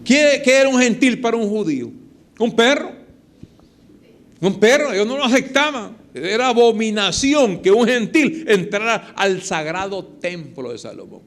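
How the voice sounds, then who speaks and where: A man's voice: high voice, animated, moderate pace, hardly any pauses. A man preaching a sermon, explaining with rhetorical questions and short retold dialogues.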